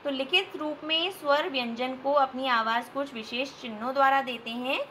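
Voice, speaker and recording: A woman teacher giving a recorded grammar lesson for children, slow and patient, spelling out sounds with examples. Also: high voice, fairly even intonation, a bit bright, a little hiss or hum. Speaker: school teacher.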